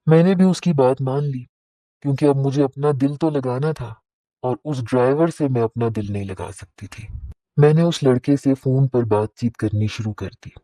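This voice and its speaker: Mellow-voiced male storyteller. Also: medium pitch, no echo, poor audio. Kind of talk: first-person story narration.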